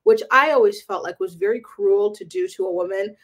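A woman's voice: mid-range voice, brisk, a bit bright. A woman hosting a celebrity gossip channel, talking casually and with opinions, often using "um" and "like". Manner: chatty and opinionated, frequent "um" and "like".

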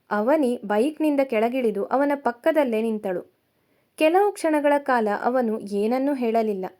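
A woman narrating a romance story in a calm, measured storytelling manner. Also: fairly high pitch.

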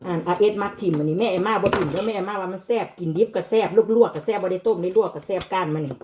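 A woman's voice: on the low side, very fast, background noise. A mother with an Isan accent chatting casually while she cooks, mixing Isan and Thai with her child. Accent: Isan (Northeastern Thai). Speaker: vlogger mother. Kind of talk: casual chat while cooking. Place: home kitchen.

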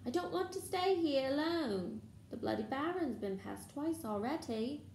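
A woman's voice: high voice, normal speed, roomy sound, slight background noise, pitched above the performer's own voice. A woman voicing a timid, anxious young schoolboy who pleads helplessly in a storybook reading. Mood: pleading.

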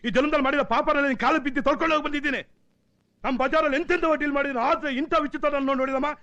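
Blustering local tough. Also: male voice, very high voice, fairly even intonation, very fast, highs cut off. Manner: boastful, threatening, shouting. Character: loud blustering neighbourhood tough guy. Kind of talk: film dialogue.

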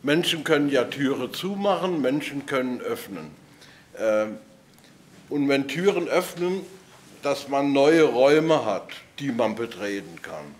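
A man's voice: medium pitch, expressive, unhurried, a little hiss or hum. A man in his sixties giving an emphatic opening speech to guests in an office room.

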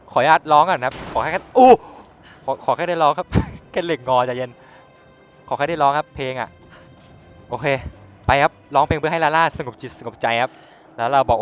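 Excitable young man commenting on a game. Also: fairly high pitch, fairly quick, faint music behind. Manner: excitable, exclaiming and joking. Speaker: gaming streamer.

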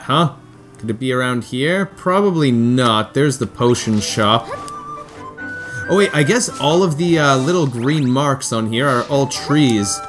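A man giving casual video game commentary, chatting and thinking aloud, often repeating phrases to himself. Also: mid-range voice. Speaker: video game streamer doing a playthrough. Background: video game music.

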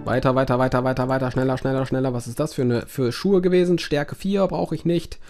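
A man's voice: mid-range voice, steady tone, a little fast, darkish tone, soft background music. Man cursing at a browser game. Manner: swears and groans at the game, dramatic outbursts. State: strained voice. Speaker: let's play gamer. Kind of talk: let's play commentary.

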